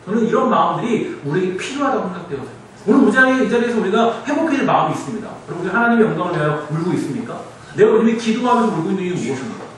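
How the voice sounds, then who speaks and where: A man preaching a sermon in earnest, lively style, asking the congregation many rhetorical questions. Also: high voice, rapid-fire, few pauses. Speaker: pastor. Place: church sanctuary. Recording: echoey hall, distant mic, faint noise.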